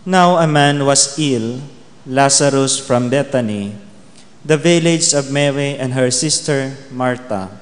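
A man, a priest, reading the Gospel aloud at Mass in a measured, deliberate way, with cathedral echo around his voice. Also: mid-range voice. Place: large church. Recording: long church reverb.

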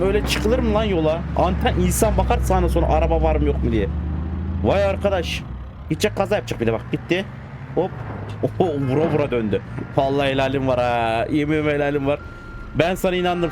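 A man talks through a driving game in a loose, casual commentary. He is excitable and often scolds the computer drivers, in a voice pitched a little high. Loud engine and road noise from the game runs under his voice. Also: fast. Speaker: gaming channel host.

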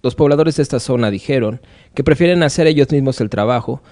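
A man's voice: medium pitch, fast, dark tone, no room sound, studio quality. A man with a Mexican accent narrating a scripted news report. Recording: faint outdoor background noise.

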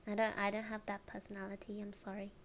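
A woman streamer chatting casually, giggling often and drifting into soft whispers. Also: mid-range voice, completely flat delivery, fast.

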